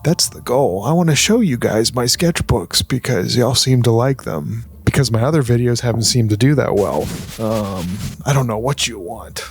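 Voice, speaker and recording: A man hosting an art channel, talking casually in a hushed, lowered voice as if quiet at night, with a gravelly creak, giving a sketchbook tour. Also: moderate pace, few pauses, faint music behind.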